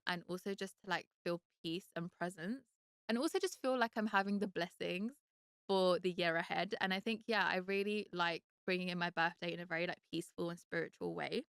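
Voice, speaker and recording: A woman's voice: fairly low pitch, fairly bright tone, clear, resonant tone, dry recording, studio quality. A woman in her late twenties hosting a solo podcast, talking candidly and reflectively in a chatty way, with lots of filler words. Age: late 20s. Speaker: podcast host.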